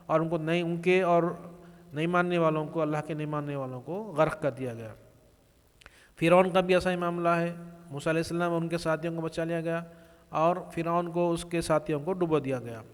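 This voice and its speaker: A man giving a religious lecture, explaining in a measured way with pauses and restarts and mixing English words into his speech. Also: fairly high pitch, clean tone. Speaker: religious speaker. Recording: long reverberant echo.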